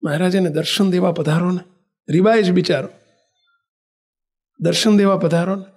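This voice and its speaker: A religious preacher from western India delivers a devotional sermon as an animated storyteller, acting out the characters' dialogue and chanting verses. His high voice is slightly rough and moves at normal speed.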